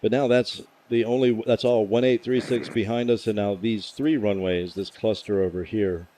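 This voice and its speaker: A man giving casual, unhurried live commentary as a plane spotting host, rambling through explanations. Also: on the low side, little pitch movement, mellow, rough recording. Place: outdoors near airport runways.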